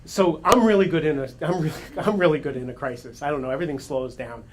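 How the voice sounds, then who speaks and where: A man telling an animated, excited story to an audience at a gathering, with quick self-corrections and laughs. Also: a little high, slight background noise. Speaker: coach and speaker.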